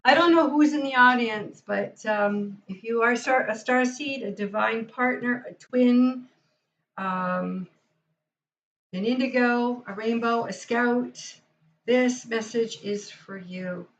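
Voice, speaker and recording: A woman's voice: a little high, takes it slowly, slight background noise. A woman hosting a live tarot reading, chatting with enthusiasm and speaking straight to her viewers. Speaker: tarot reader and livestream host. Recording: dull lo-fi sound.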